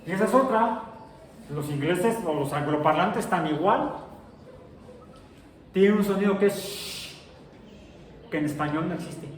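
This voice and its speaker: A man's voice: sits high, lively intonation, unhurried, pauses often. A middle-aged man teaching a science class, chatty and jokey, asking his students questions as he lectures. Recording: echoey classroom from far off, faint noise.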